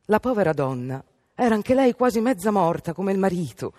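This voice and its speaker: A woman narrating a fairy tale on the radio in an expressive, dramatic way. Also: mid-range voice, fairly quick, dry recording, studio quality. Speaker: storyteller.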